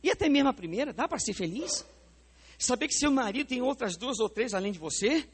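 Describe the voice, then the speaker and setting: Speaking fairly quickly in an extremely high-pitched voice, with slight background noise, a man with a Brazilian Portuguese accent delivers a sermon in a church sanctuary. He's an animated pastor who runs a live demonstration and questions the congregation directly.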